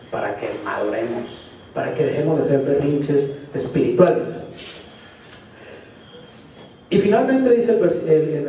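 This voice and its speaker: Echoey Colombian pastor preaching from afar. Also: male voice, a little high, slight background noise. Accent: Colombian Spanish. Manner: animated, questions the congregation often. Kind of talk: sermon. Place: church hall. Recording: very echoey church hall, distant mic.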